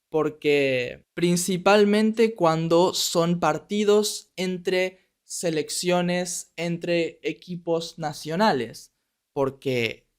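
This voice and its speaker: On his Spanish-teaching podcast, a young man from Argentina uses a neutral Latin American accent and a voice that sits high. His lesson is slow, clear and deliberate for learners, punctuated by check-ins of "¿ok?".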